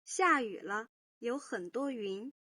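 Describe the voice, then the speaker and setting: Language-course voice, a woman reading: slow, clear, dry, fairly high. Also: lively intonation, sharp tone, dry recording, full character voice. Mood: plain. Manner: slow, careful, clearly articulated. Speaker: speaker in a textbook audio dialogue. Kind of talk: scripted language-course dialogue.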